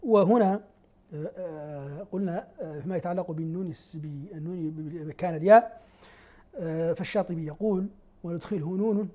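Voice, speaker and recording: A man gives a televised lesson on the variant readings of the Quran. His voice sits fairly high but has a mellow, warm color. He moves between plain explanation and slow, melodic recitation of verses and rhyming rules. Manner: quotes didactic verse rules in a chanting rhythm. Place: television studio.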